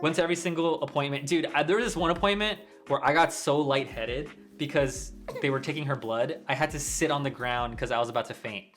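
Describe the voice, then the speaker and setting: A young man, a new father, talking casually and earnestly about parenthood, getting animated as he tells stories. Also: fairly high pitch, a little fast, few pauses. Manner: earnest, gets animated and laughs telling stories. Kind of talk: casual chat.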